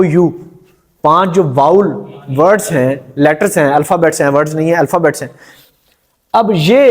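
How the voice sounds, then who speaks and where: A man teaches grammar to a classroom, asking questions and repeating the answers back to the students. His voice sits fairly high. He speaks slowly and deliberately. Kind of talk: classroom lecture.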